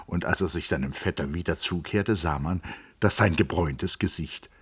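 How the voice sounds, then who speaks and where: A man narrating a literary audiobook with measured, expressive storytelling. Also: deep voice, husky, no echo. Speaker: audiobook reader.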